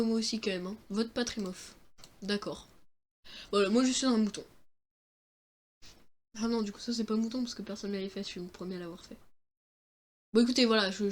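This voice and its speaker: High-voiced young man, joking gameplay commentary. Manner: joking, self-mocking, exclamatory. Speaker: gaming streamer. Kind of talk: let's-play commentary.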